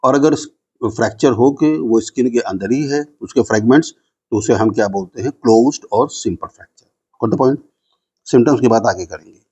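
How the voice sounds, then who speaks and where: Husky guy lecturing nursing class, dull lo-fi sound, keeps asking n answering his own questions. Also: medium pitch, warm tone. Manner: explains in Hindi, reads English definitions slowly, asks and answers his own questions. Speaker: nursing teacher.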